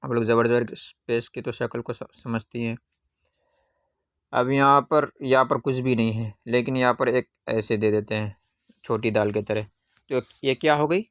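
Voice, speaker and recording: A man teaching a Qaida reading lesson, patiently asking questions and answering them himself, with drawn-out syllable recitation. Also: mid-range voice, steady tone, fairly bright tone, no echo.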